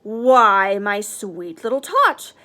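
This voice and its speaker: A woman voicing a sly, scheming male storybook creature with a smooth-talking, theatrical manner. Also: medium pitch, sing-song, slow, bright, forceful tone, heavily acted. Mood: falsely sweet. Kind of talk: children's storybook read-aloud.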